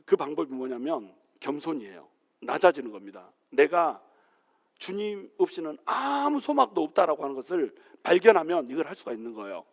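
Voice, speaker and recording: A man with a fairly high voice preaches a sermon in a church hall with a long reverb. He tells funny stories and acts out their characters, now and then asking the congregation direct questions. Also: sing-song, brisk. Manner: humorous storytelling, acting out quoted voices, asking the congregation questions. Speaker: pastor.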